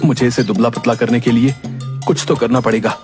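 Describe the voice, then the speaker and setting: A man's voice: mid-range voice, steady tone, a little fast, natural voice. Fed-up young husband in a cartoon, complaining, medium voice, played by a man, music behind. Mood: exasperated. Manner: frustrated, complaining. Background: background music.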